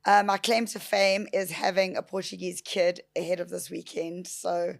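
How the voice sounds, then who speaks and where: A hoarse woman who has lost her voice, chatting as a guest on an interview show in a self-deprecating way. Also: fairly low pitch, little pitch movement, normal speed. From South Africa. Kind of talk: casual interview answers.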